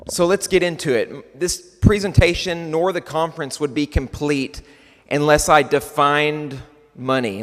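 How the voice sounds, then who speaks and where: A man's voice: medium pitch, a bit bright. West Texan man speaking in an echoey hall. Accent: West Texas. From West Texas, United States. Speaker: conference speaker. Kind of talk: prepared conference presentation. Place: large indoor conference hall. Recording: echoey hall with long reverb.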